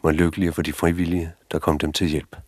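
A man narrating a documentary in a calm, formal scripted manner. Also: extremely low pitch, breathy edge, no echo, studio quality.

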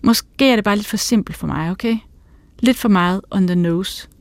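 A calm, slightly condescending man, read by a woman who teases in a dry, unruffled voice. The sound is close and dry. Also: medium pitch, no room sound, natural voice. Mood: placating.

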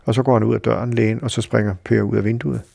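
A middle-aged Danish man telling a personal story in a halting, reflective way, with many fillers. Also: mid-range voice, steady tone, creaky, warm tone, slightly rough, no room sound. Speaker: interviewee recalling a friend.

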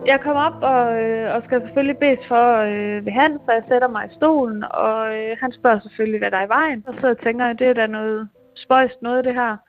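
A woman with a high, bright-toned voice recounts a personal healing experience, pausing often and repeating herself. Her voice comes through thin and narrow, like over a telephone line. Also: fairly even intonation, soft background music. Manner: halting, many fillers and repetitions. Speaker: interviewee telling a personal healing story. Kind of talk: emotional personal testimony. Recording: tinny phone-like sound.

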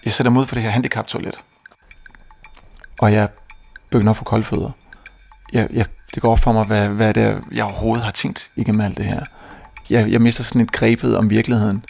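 A young man from Denmark telling a comic story on stage, animated and self-mocking, often stammering and restarting. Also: fairly low pitch, gravelly, pauses often. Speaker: stand-up comedian. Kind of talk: stand-up storytelling.

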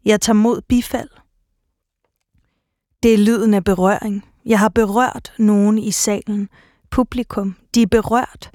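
A woman playing a proud, lonely actress and writer, delivering a slow, measured theatre monologue. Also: a little high, a little mellow, dry recording, clean studio sound, natural voice.

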